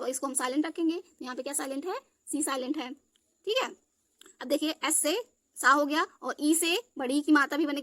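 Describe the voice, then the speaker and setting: A woman's voice: high voice, pushed and bright, no room sound, studio quality. A woman teacher giving a spelling lesson. She spells words out letter by letter and keeps checking that her students follow. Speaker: English teacher.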